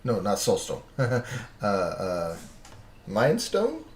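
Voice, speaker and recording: A lower-pitched man rambles through a relaxed live-stream chat, restarting sentences and chuckling as he goes. His voice rings in an echoey room with a faint hum underneath. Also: drawn-out words. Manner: rambling, self-interrupting, chuckles often.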